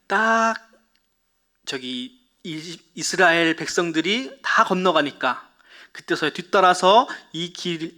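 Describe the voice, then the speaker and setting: A man preaching to children in a fairly high, bright and forceful voice. He tells the story like a storyteller, asks the young listeners questions and answers them himself. At dramatic moments he sinks into a hushed whisper. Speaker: Sunday school preacher.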